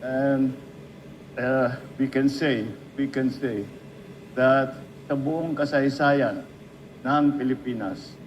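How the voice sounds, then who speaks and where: A man's voice: mid-range voice, fairly even intonation, slow, pauses often, lo-fi sound, slight background noise. A Filipino man giving an anecdotal tribute speech, telling stories and speaking straight to the person being honored. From Philippines. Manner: storytelling, addresses the listener directly.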